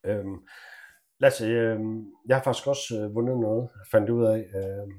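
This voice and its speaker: A man's voice: fairly low pitch, fairly even intonation, a little mellow. A man co-hosting a podcast in casual banter, who talks hesitantly with many fillers and a dry manner. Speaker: podcast co-host.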